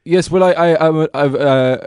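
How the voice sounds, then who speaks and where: A man playing an old Irish storyteller, earnest and absurd, with a lilting, wistful, halting delivery in an improvised comedy interview. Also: a little high, a little mellow, clean tone, dry recording, studio quality, lightly acted. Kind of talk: improvised comic interview in character.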